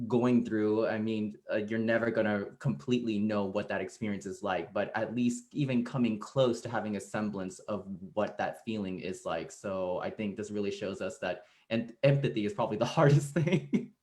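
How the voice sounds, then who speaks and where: A man acting as stage director talks in a casual post-show discussion, thoughtful and halting while he searches for words. His voice is lowish and a little mellow.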